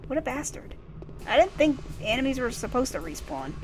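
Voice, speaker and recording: A woman's voice: high-pitched, very animated, a little fast. A woman co-commentating on a video game in a casual, wry, conversational way. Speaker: let's play co-commentator. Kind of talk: casual gameplay chat. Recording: game music behind the voice.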